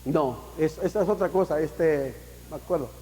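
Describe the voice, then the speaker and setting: Man, pastor, high voice, impassioned sermon, rhetorical questions, casual English asides, long hall echo. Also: moderate pace, dark tone, a little hiss or hum. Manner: impassioned, with rising emphatic peaks and rhetorical questions; mixes in casual English phrases. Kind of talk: preaching a sermon.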